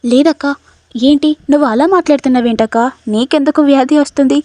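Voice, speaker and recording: A woman's voice: high voice, fast, dark tone, voice pushed up, lightly acted. A woman voicing a grieving, anxious young woman in a read-aloud story, in a plain, hardly acted read-out manner. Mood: covering.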